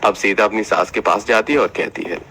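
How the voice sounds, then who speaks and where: A man narrating an animated family story in steady scripted storytelling. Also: on the low side, fairly quick.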